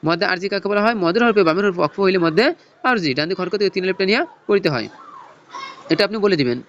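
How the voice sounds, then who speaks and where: A man teaching Noorani Quran reading in a lesson, spelling out letters and tajweed rules in a slow teaching chant. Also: sits high, expressive, a bit bright, highs cut off, a little hiss or hum. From Bangladesh.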